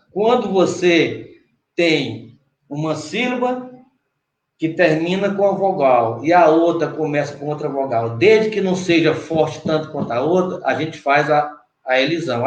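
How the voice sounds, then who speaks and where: A man's voice: on the high side, expressive, a little slow. A Brazilian man, a cordel poet, teaching an online workshop patiently and step by step, often checking in with his guest. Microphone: video call. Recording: roomy echo.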